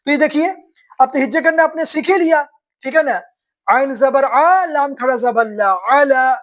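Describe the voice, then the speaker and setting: High-voiced woman teaching spelling. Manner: drawn-out syllable-by-syllable spelling, quizzing students. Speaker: Quran reading teacher. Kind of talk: spelling lesson for beginners.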